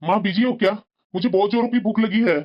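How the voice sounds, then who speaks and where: Woman putting on a lowered young guy voice for a cartoon brother-in-law. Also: quick pace, lo-fi sound, close to an everyday voice. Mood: asking. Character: young man, the husband's brother, hungry. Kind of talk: Hindi cartoon voice acting.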